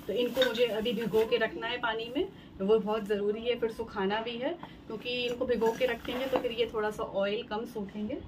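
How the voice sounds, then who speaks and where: This home vlogger, in her thirties, speaks a little high with a level tone at normal speed, casually showing things one by one and filling gaps with fillers. The phone recording, from a bright room and then a balcony, picks up clear background noise.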